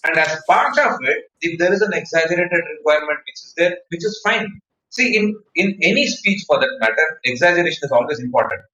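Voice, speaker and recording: A public-speaking trainer with an Indian accent leads an online session by video call, driving his points home with anecdotes and repeated phrases. He speaks briskly and expressively, his high-leaning voice bright and forceful. The distant mic yields a muffled, echoey call recording.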